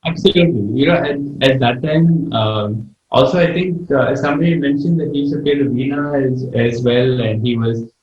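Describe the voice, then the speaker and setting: A man answering casually in an interview as a musician, halting and often restarting his phrases. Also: medium pitch, a little hiss or hum. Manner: hesitant, halting, repeats phrase starts. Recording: echoey, distant, slightly dull microphone.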